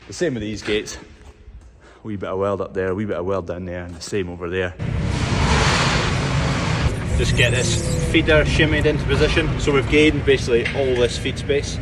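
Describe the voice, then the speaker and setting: A Scottish man, a farmer, talking casually through his work on the farm, practical and self-deprecating as he explains. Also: medium pitch. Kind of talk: casual farm vlog narration. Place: outdoors on a farm. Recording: noisy outdoor farm recording.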